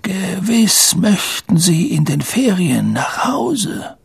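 A man voicing a frail, gentle old headmaster wizard with a weak, breathy, thin voice, read in a slow audiobook. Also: high-pitched, sing-song, no room sound, voice pushed up, full character voice. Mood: frail, kindly. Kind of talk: audiobook character voice.

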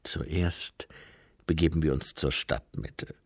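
A man reading aloud and voicing a shrewd, calm old monk in a low, quiet, measured voice. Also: gravelly, breathy edge, no room sound, in a whisper, clean studio sound, full character voice. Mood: urgent.

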